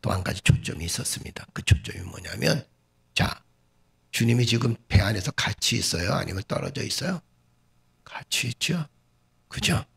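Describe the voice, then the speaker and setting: A man's voice: mid-range voice, gravelly, a bit bright. A male pastor preaching a sermon, who keeps asking his congregation questions and acts out the lines he quotes.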